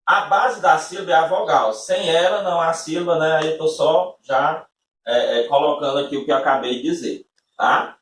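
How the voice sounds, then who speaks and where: A man's voice: fairly high pitch, steady tone, moderate pace, a bit bright, recorded from a distance. Male teacher in an echoey room. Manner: patient step-by-step explaining, frequent tag questions. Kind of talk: recorded classroom-style lesson.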